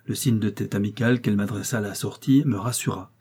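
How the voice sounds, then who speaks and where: Male narrator, classic novel audiobook, measured reading, warm dark tone, slightly breathy. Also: on the low side. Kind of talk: scripted first-person novel narration.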